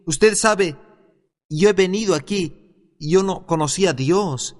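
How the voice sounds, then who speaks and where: A preacher voicing a rough newcomer recounting his healing. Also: high-pitched, measured pace. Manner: plain recounting, rising in joy. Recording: reverberant hall.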